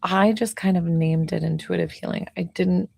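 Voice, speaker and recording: A woman in her forties who works as an intuitive healer chats casually on a live stream. She speaks softly in a slightly hoarse, fairly low voice, using lots of fillers, with a steady tone and a moderate pace.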